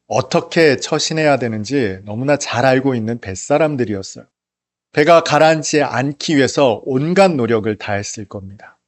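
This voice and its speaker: An earnest man preaching a sermon, his voice at an ordinary middle pitch. He sounds close and dry, with no room echo. He now and then lifts his voice to act out a plea. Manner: earnest, rising to act out the disciples' pleas. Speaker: pastor. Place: church.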